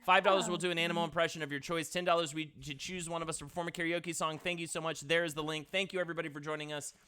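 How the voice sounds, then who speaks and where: A man's voice: on the high side, flat delivery, very fast, pushed and bright, smooth. A man hosting a live stream, chatting casually in a joking, rambling, self-mocking way. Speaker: livestream show host. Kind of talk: casual chat. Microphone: computer mic on a live stream.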